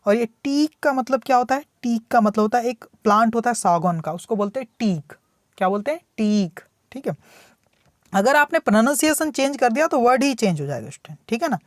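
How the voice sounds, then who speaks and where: A man's voice: very high voice, animated, dry recording, studio quality. A man teaching English word meanings in Hindi, patiently repeating himself and asking the student questions that he answers himself. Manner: speaks slowly when reading English examples aloud. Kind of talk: tutorial on English words, explained in Hindi.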